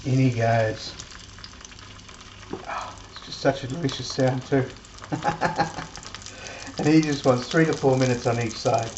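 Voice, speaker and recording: A woman's voice: rumbling low, slow, pauses often. A woman vlogger chatting in a homely way while she cooks in her home kitchen, with a pan sizzling. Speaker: cooking vlogger. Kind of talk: casual cooking demonstration. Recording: echoey kitchen with loud frying noise.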